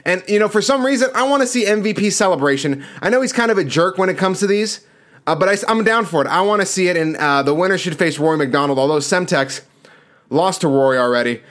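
A man's voice: high-pitched, lively intonation, fast talker, fairly bright tone. A man hosting a sports show, giving casual fight predictions in an emphatic, slangy, conversational way.

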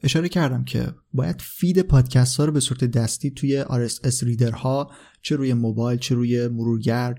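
A man's voice: medium pitch, warm tone. A male podcast host giving a casual, unscripted explanation, with frequent filler sounds and small self-corrections.

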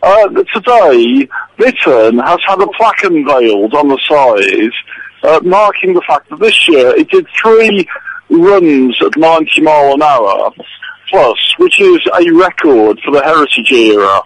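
An older man from England speaking as a guest author over a telephone line from an outdoor event. He talks with enthusiasm and fills his pauses with frequent ums. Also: on the high side, big pitch swings. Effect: heard over a telephone line. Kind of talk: casual phone interview. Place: outdoors at a rail yard event.

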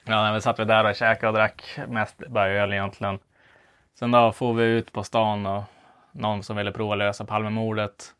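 A man in his thirties telling a long anecdote in a rambling, profane, animated way on a wireless studio mic. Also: fairly low pitch, clear, resonant tone, no echo. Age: 30s. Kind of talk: casual storytelling.

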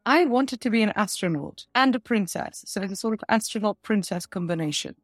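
A woman's voice: mid-range voice, expressive, a little fast, no echo. Confident woman in her forties answering questions. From Russia. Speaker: guest, tech company founder. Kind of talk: interview answers.

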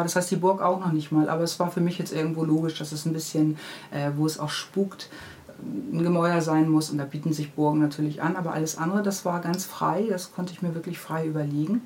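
A woman talks about her own children's books at length during a relaxed interview. Her voice is lowish with a darkish tone, and noticeable ambient noise sits behind her.

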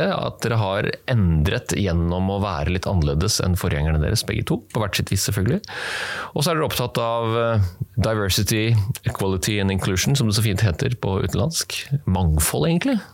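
A man's voice: fairly low pitch, vocal fry, no echo. A man hosting a podcast, introducing guests and asking questions conversationally. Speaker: podcast host.

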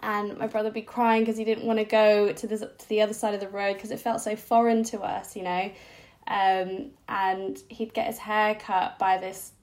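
A woman's voice: mid-range voice, flat delivery, moderate pace, darkish tone. A woman, a podcast guest recalling her childhood in a reflective, hesitant way with many fillers. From Singapore-born, raised abroad. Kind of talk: personal storytelling interview.

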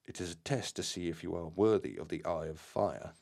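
A man voicing a female spirit guardian who speaks through a medium in a slow, formal, hushed way. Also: low voice, steady tone, vocal fry. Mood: solemn.

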